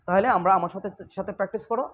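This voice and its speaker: A woman teaching English pronunciation, drilling sounds slowly and repeating them for practice. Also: mid-range voice. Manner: slow drilling of sounds, mixing Bengali and English. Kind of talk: spoken English lesson. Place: indoor room with a fan running.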